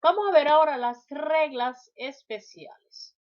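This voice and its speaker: A woman's voice: high voice, measured pace, dull audio. A woman teacher giving a spelling lecture, reading out word lists and addressing her students directly.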